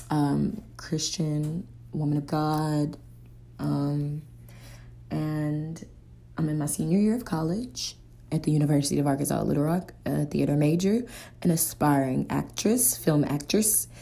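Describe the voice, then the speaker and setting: Young woman, low and mellow voice, casual solo podcast, rambling and filler-heavy. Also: gravelly. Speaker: podcast host.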